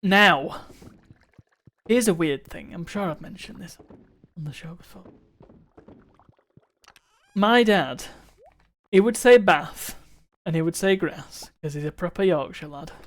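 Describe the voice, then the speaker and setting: A man's voice: a little high, slow, long pauses, a bit bright. A man chatting casually on a live stream while gaming, musing aloud and wandering between thoughts. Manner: rambling, musing aloud with restarts and chuckles.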